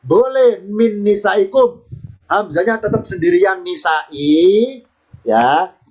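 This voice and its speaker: A man's voice: high voice, animated, slow, a little mellow. A man teaching Quran reading in an online lesson, patient, repeating words and asking rhetorical questions. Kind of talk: online lesson with screen sharing.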